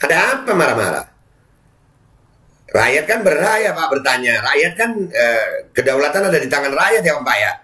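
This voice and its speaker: A man's voice: medium pitch, sing-song, normal speed, pushed and bright. A man reads news aloud and then mocks it, sarcastically speaking straight to an official. His voice sits in a middle range. The room around him sounds echoey and bare. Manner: sarcastic, keeps addressing "Pak" directly. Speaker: political commentary vlogger. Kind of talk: reading news aloud and mocking it.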